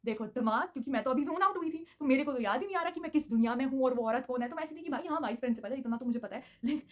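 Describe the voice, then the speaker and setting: Casting: young woman in late teens, high bright pitch, quick animated story-time delivery, Hindi with English mixed in. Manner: animated, mixes English into Hindi, acts out quotes. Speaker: student vlogger telling a story.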